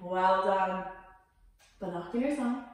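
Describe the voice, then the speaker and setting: A woman's voice: mid-range voice, takes it slowly, slight background noise. A woman teaching a children's yoga class. She is playful and sing-song and makes animal sounds along the way. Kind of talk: guided yoga lesson for children. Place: indoor room. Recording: echoey room, voice from far off the mic.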